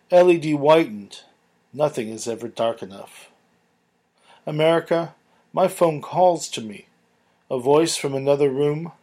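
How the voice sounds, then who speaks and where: A man reading his own poem aloud in a slow, measured recitation. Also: a little high, a little mellow. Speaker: poet. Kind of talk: poetry reading.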